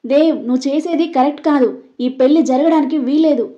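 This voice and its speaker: A woman voicing a stern, domineering matriarch who shouts harshly, higher and louder than her own voice. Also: fairly quick, close to an everyday voice. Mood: furious. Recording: dull lo-fi recording.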